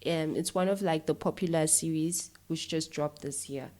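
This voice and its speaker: A woman with a South African accent, a filmmaker and YouTuber, talks casually and opinionatedly as a podcast guest. Her voice sits low and mellow at a moderate pace, and she's emphatic, often checking that the listener is following.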